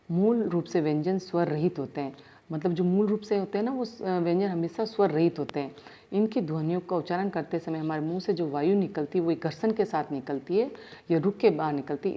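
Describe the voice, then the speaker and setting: Lady teacher explaining grammar step by step, low and mellow voice. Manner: explains step by step, sounds out letters slowly. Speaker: school teacher. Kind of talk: classroom grammar lesson. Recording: dull lo-fi sound.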